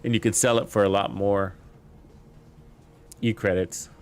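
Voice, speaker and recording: Unhurried and fairly even, this streamer's lowish voice comes across clear and resonant. He keeps up relaxed, cheerful chatter with his audience as he plays a shooter game.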